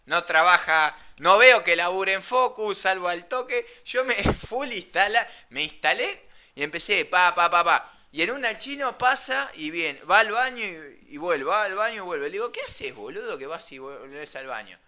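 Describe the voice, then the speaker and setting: A young man with an Argentine Rioplatense accent, casually telling a slangy, animated anecdote. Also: high-pitched, normal speed. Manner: animated, slangy, laughs mid-story. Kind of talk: casual storytelling.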